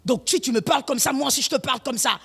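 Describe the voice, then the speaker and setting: A woman pastor, preaching an emphatic sermon full of rhetorical questions, slipping in Lingala phrases and shouting at the high points. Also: rapid-fire, gravelly, breathy edge, in a large hall.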